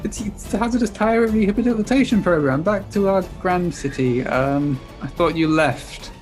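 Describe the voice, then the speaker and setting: A man puts on a squeaky, petulant impostor priest, pitched well above a normal speaking voice. He sounds indignant and fussy, and faint music plays underneath. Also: moderate pace, a little mellow, natural voice.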